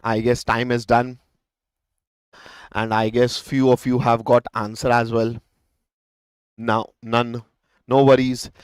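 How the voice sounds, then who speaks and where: A man's voice: medium pitch, flat delivery, slow, pauses often, clear, resonant tone, no echo. Indian man teaching, dry close sound. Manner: explanatory, poses questions and answers them himself. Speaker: chemistry teacher. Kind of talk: live exam-revision lecture.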